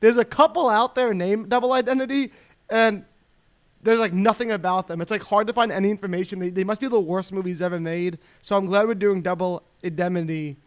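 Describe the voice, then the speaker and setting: A man's voice: high-pitched, fairly even intonation, brisk. A male podcast co-host in casual chat, joking, laughing often and stumbling over repeated words. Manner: jokey, laughs often, stammers and repeats himself.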